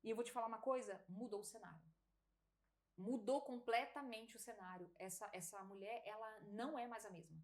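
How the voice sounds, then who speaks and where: A Brazilian woman with a Brazilian Portuguese accent, telling a personal testimony as a podcast guest, animated and laughing often as she acts out dialogue. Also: mid-range voice, fairly quick. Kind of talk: casual testimony storytelling.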